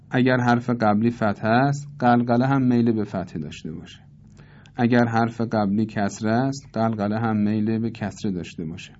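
Guy giving a tajweed lesson, calm explaining, says the words out slow, kinda dull recording. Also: mid-range voice. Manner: calm explaining, slowly demonstrating recited words. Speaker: Quran recitation teacher.

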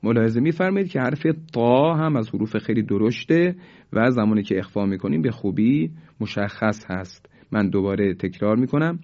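A male teacher giving a recitation lesson, explaining quickly and then reciting each example slowly and drawn out. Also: lowish voice, lively intonation, a little mellow. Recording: dull lo-fi recording.

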